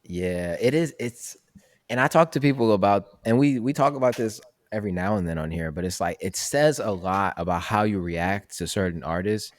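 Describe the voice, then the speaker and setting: A man's voice: on the low side, expressive, normal speed, no room sound. A young man co-hosting a podcast, talking loosely and rambling with lots of slang and fillers. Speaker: podcast co-host. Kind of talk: casual chat.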